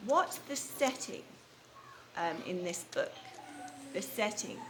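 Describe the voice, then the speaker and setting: Taking it slowly, a woman with a mid-range, slightly bright voice and lively intonation reads a storybook to a class of young children. She quizzes them teacher-style and repeats their answers back, recorded in a noisy, live school room with background noise.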